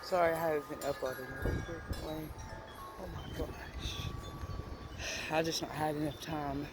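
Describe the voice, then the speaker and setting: Higher-voiced man talking into roaring wind. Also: flat delivery, fast. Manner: talking outdoors with wind in the face. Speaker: amateur weather vlogger. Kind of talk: casual vlog chat. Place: outdoors on a windy porch. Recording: very loud wind noise outdoors. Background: loud wind, wind chimes.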